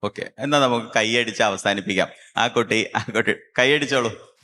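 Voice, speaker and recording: Brief: male camp instructor, clear bright voice, slow guided instructions. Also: on the low side. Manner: slow, calm instructions with long pauses. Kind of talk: guided concentration exercise.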